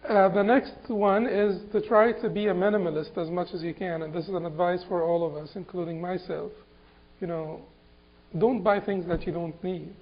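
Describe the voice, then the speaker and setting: Man from Egypt, lecturer; high voice, stop-start delivery with lots of repeats and fillers, muffled lo-fi sound. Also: fairly even intonation. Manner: halting, repeats words, many fillers. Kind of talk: Islamic lecture. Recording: dull lo-fi recording.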